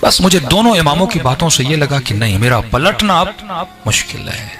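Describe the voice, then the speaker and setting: A man's voice: on the high side, big pitch swings. A man preaching, telling a dramatic story with whispered asides, over background music. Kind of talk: storytelling sermon. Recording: music behind the voice.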